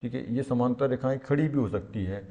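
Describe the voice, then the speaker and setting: A male maths teacher from India explains at a board, patient and repetitive. He keeps asking the class rhetorical questions and answers them himself. His voice sits at an ordinary middle pitch. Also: brisk, warm tone, muffled recording. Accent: Hindi-speaking India.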